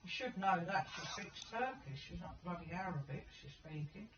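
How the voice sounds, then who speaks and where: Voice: medium pitch, lively intonation, moderate pace. A panel guest on a heated live chat, arguing scornfully and angrily. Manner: scornful and argumentative. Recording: distant, echoey, lo-fi with crowd noise.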